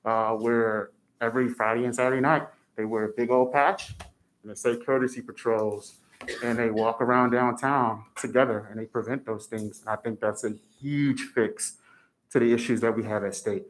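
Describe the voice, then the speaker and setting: A man in uniform speaks at a public hearing with a mid-pitched voice. He answers in a plain, respectful way and leans on fillers as he thinks. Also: steady tone, normal speed, a little hiss or hum. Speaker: public testifier, soldier. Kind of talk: public testimony.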